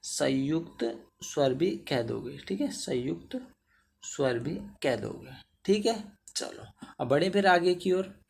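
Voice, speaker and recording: A male teacher's slightly high, creaky voice moves slowly but with lively intonation as he runs an exam-prep Hindi grammar class, with slight background noise. He stretches vowels to show their duration, says "theek hai na" repeatedly, and addresses students as bhaiya.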